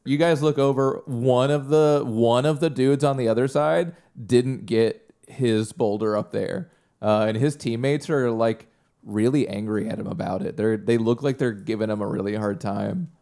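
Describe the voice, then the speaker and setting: A man's voice: medium pitch, normal speed, mellow. A man working as game master, narrating a tabletop game in a casual, conversational style. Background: music.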